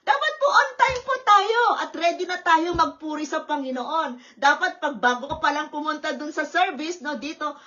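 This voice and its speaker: A woman pastor preaching a sermon at a church service, lively and often checking in with the congregation. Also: high-pitched, normal speed, few pauses, dull audio. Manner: lively, questioning the congregation with tag words.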